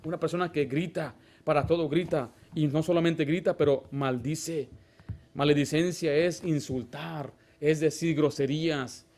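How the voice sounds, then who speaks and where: A man's voice: a little high, steady tone, unhurried, darkish tone. A male pastor preaching a Baptist sermon, asking the congregation rhetorical questions and acting out little dialogues. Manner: acts out short dialogues in a raised voice.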